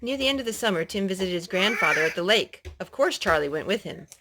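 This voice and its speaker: A woman with a mid-range voice reads a children's story animatedly for a child, stopping to explain and ask questions. Background noise can be heard.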